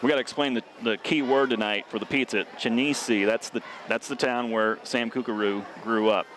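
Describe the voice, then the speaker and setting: Steady local football play-by-play man. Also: medium pitch, fairly quick, noisy background. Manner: steady, rises sharply on scoring plays. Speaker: play-by-play announcer.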